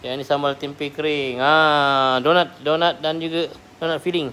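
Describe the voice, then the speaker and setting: In a noisy handheld clip with cafe ambience, a food vlogger with a Malaysian accent strolls outside and inside a roadside cafe. The voice is mid-range and fairly bright, with fairly even intonation and a measured pace, and the commentary is casual, inquisitive, full of questions and answers repeated back.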